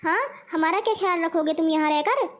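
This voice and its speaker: A woman's voice: very high-pitched, brisk. A woman voicing a scolding, preachy middle-aged mother in a cartoon. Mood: lecturing. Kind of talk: cartoon voice acting.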